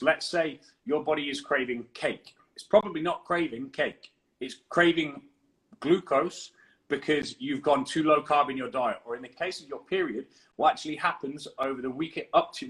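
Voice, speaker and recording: A man's voice: medium pitch, fairly bright tone, rough recording. A man co-hosting a podcast, explaining nutrition in a confident, emphatic coaching manner. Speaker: fitness coach and podcast co-host.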